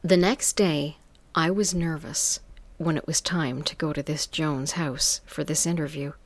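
A woman reading a first-person story aloud in a calm, even manner with soft hushed touches. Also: sits low, a little slow. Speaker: story reader.

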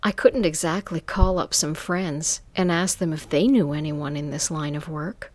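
Low, dry-voiced woman reading a story. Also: normal speed, no room sound. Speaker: story reader. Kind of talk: scripted first-person story narration.

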